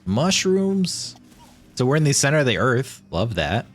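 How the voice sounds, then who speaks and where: A man's voice: medium pitch, big pitch swings, fast. A man streaming a video game, reacting in casual commentary, joking and laughing often. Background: faint game music.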